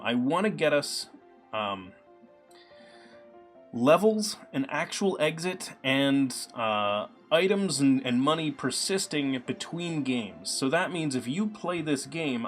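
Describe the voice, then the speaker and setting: A man's voice: medium pitch, unhurried. A man live-streaming his coding, talking casually with many fillers, his voice a little scratchy from a cold. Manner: relaxed, chatty, many ums and uhs. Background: soft background music.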